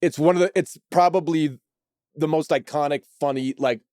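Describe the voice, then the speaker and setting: A man's voice: on the high side, fairly even intonation, normal speed, darkish tone, dry recording, clean studio sound. A man guest on a podcast, telling a story in casual chat, eagerly acting out dialogue. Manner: enthusiastic, acts out dialogue.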